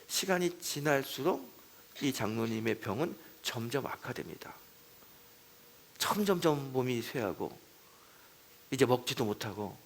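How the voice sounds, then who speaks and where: Impassioned Korean pastor preaching. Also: male voice, mid-range voice, slight background noise. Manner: swings from soft storytelling to loud pleading in acted prayers. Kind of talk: revival sermon storytelling. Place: church sanctuary.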